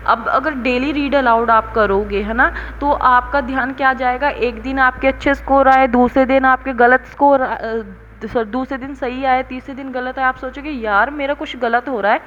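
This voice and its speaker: A young woman explains exam tips in a relaxed, chatty lesson, sprinkling English words into her Hindi and pausing for a quick "theek hai". Her voice sits a little high. The recording is slightly dull, with faint noise in the room behind her. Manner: repeats "theek hai" as a check-in; mixes English terms into Hindi. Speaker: exam coaching tutor. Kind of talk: casual spoken lesson.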